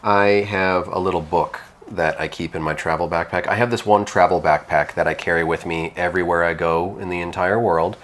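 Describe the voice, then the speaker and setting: A man co-hosting a podcast, talking in a relaxed, rambling way with many restarts. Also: sits low, a little fast, few pauses, slight background noise. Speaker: podcast co-host, piercing educator. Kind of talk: casual chat.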